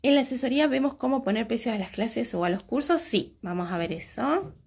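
Recorded on a phone held at arm's length in a room at home, a crochet teacher in her thirties with an Argentine Spanish accent hosts a livestream, chatting and reading out viewers' comments to answer them. Her fairly high voice is animated and brisk, creaky, a little mellow and slightly rough.

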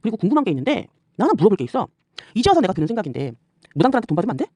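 A woman scolding and swearing at her rivals in an angry rant, firing off rhetorical questions and tagging lines with a sharp "eh?". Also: medium pitch, very animated, racing, no room sound. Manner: repeatedly tags lines with a sharp "eh?". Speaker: YouTuber addressing rivals.

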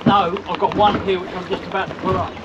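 A man's voice: sits high, little pitch movement, fast. A man giving brief offhand replies to a friend while fishing on a small boat at sea. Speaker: fishing companion. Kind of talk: casual chat while fishing. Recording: muffled outdoor audio, loud wind and water.

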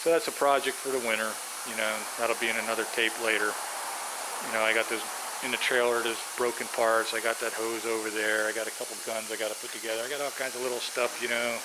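A man's voice: mid-range voice, flat delivery, quick pace, background noise. A middle-aged man who runs a pressure washing business walks through his work trailer, talking in a rambling, practical way with lots of fillers. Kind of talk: casual how-to walkthrough. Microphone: handheld camera mic, filming while walking.

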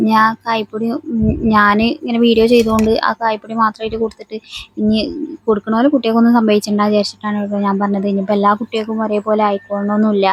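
A woman's voice: mid-range voice, no echo, low-quality recording. A young woman, chatting through a home vlog voice-over in a casual way. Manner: chatty, ends sentences with "tto". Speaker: vlogger, mother.

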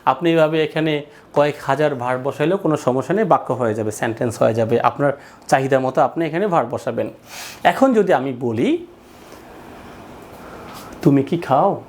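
Lively male English teacher drilling a class. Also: mid-range voice, moderate pace, long pauses, a little hiss or hum. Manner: drills phrases, asks the class to repeat. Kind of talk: classroom lesson.

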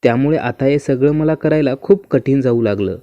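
A man narrating a first-person story in a smooth, even and unhurried reading manner. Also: medium pitch, no echo. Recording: dull, muffled dry recording.

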